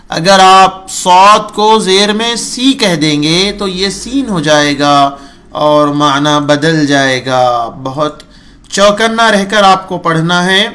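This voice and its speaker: A man teaching a Quran reading lesson, who slowly draws out single syllables and repeats each sound to model its pronunciation, in a patient, instructive manner. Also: on the high side, a bit bright. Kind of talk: recorded recitation lesson. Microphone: recording for remote students.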